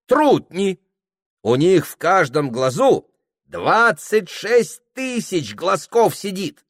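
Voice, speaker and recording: A man's voice: high-pitched, no echo, clean studio sound, voice pushed up, full character voice. A man doing a tipsy lecturing exile. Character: drunk talkative exiled man who stammers.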